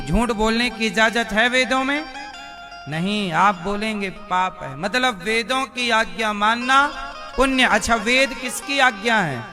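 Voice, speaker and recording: High-pitched guy preaching slow, keeps asking the crowd stuff then answering it, guitar music under him. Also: bright, forceful tone. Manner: questions the listeners and answers himself. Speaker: spiritual preacher. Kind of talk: devotional sermon.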